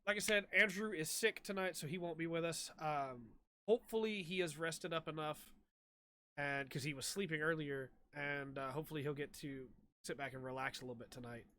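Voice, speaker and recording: A man's voice: fairly high pitch, brisk, pushed and bright. A man hosting a casual podcast chat, his voice slightly weak after an asthma attack. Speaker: podcast host.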